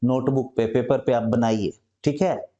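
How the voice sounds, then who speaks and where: A man teaching English vocabulary in Hindi, explaining each word slowly and often checking with "understood?". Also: mid-range voice, steady tone, warm tone, dull audio. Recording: echoey room.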